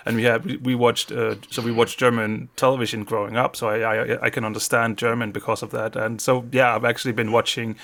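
A man from Denmark with a Danish accent, co-hosting a podcast in casual chat, talking haltingly with many restarts. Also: medium pitch, level tone, fairly bright tone. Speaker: podcast co-host.

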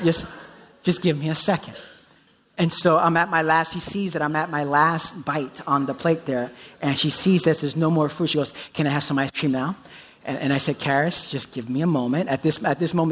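High-voiced animated preacher man. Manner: animated storytelling, acts out quoted voices loudly. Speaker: pastor. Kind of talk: sermon with personal stories.

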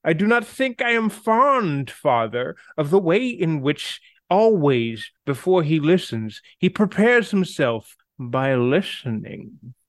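A man's voice: on the high side, sing-song, no room sound, clean studio sound. A man reading a poem in the voice of a cartoon mobster villain, tagging lines with "see?". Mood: mock-gangster reading. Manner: gangster "see?" tag, drawn-out slow lines.

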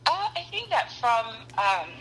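A young woman who grew up in Ghana, a podcast guest speaking thoughtfully with frequent pauses and restarts. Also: on the high side, very animated, fairly bright tone, a little hiss or hum, rough recording. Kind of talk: conversational interview.

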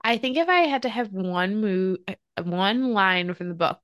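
Co-hosting a podcast, a woman chats casually about a book and gushes over its film adaptation, using plenty of fillers. Her mid-range voice is expressive, a bit bright, and a little slow, recorded dry with studio quality.

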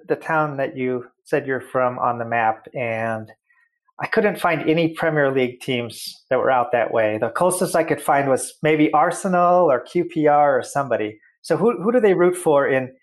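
A man's voice: medium pitch, lively intonation, normal speed. A man hosting an interview podcast, asking questions in a friendly, joking, casual way. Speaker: podcast host.

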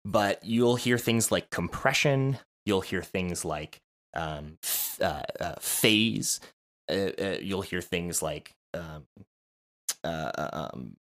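A man's voice: low voice, lively intonation, slow pace, fairly bright tone. A man co-hosting a podcast, explaining audio production in casual chat, rambling with many restarts and self-amused asides. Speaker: podcast co-host.

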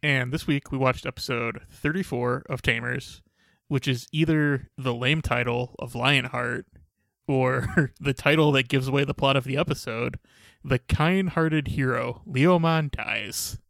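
A young man hosting a podcast, talking in a dry, monotone, sarcastic way. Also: medium pitch, unhurried, vocal fry, no room sound. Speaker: podcast host. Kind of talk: casual podcast banter.

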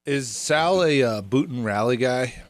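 A man chats casually on a podcast, talking like a working musician. His voice sits at a middling pitch and the recording is dry and close. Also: expressive, measured pace, no room sound. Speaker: musician and mixing engineer.

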